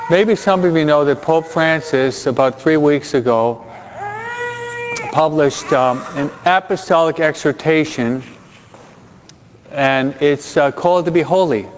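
A man's voice: fairly high pitch, measured pace, pauses often, slight background noise. A man preaching a sermon in a chatty way, often checking in with his listeners and dropping Spanish words into his English. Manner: conversational, keeps checking in with the listeners. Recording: dull sound with long hall reverb.

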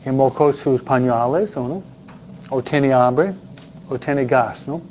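A man's voice: mid-range voice, slow pace, a little mellow. A priest talking informally with an audience, chatty and self-deprecating, often tagging his sentences with questions. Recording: dull lo-fi sound with faint noise.

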